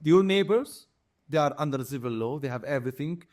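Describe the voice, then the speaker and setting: A man in his forties speaks with a Palestinian Arabic accent, his voice sitting a little high for a man. He gives earnest, emphatic testimony in an interview, setting out his points one by one and often repeating words as he finds them. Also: lively intonation, fairly quick, darkish tone. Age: 40s. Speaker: activist interviewee.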